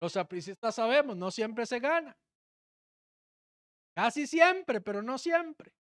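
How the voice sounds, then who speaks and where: A man's voice: very high-pitched, sing-song, takes it slowly, fairly bright tone. A Costa Rican man, a pastor, giving an impassioned sermon in a church and putting questions to the congregation. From Costa Rica.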